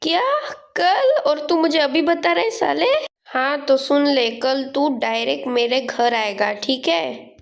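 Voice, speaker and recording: A woman's voice: sits high, takes it slowly, gravelly, exaggerated voice. A woman voicing a rowdy young man who teases his best friend with brash slang. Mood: rowdy banter. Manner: brash, slangy, mock-insulting.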